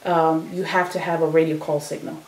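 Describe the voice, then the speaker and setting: A woman's voice: sits low, flat delivery, a little fast, darkish tone, echoey room, poor audio. A young woman from Chicago telling her story in a casual oral history interview, full of fillers and quoted dialogue. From Chicago, United States.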